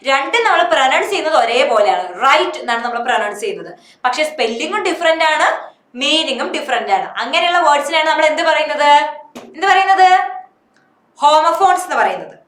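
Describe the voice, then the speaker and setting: High, bright-voiced Malayali woman teacher. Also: sing-song, quick pace, echoey room. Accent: Malayali English. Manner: asks questions and answers them herself. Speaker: English teacher. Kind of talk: online class.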